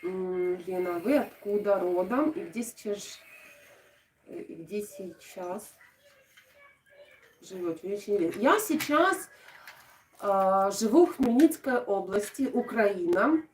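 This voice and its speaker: A woman's voice: medium pitch, expressive, unhurried, pauses often, darkish tone, a little hiss or hum. Echoey, distant woman with an Odesa accent. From Odesa region, Ukraine. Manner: affectionate, uses endearments and diminutive names. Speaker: craft video blogger and live streamer. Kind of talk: casual live-stream chat with viewers. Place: indoors at home. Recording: echoey room, distant microphone.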